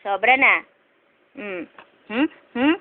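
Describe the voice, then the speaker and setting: A woman's voice: a little high, lively intonation, takes it slowly. A woman talking to her pet cat in coaxing baby talk, then scolding it in a mock-stern way, on a tinny home video. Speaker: pet owner.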